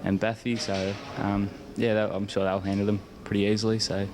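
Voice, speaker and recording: A young Australian rules footballer speaks in a fairly low, level voice at a brisk pace over background noise. Being interviewed, he gives casual, hesitant, rambling answers in an Australian accent.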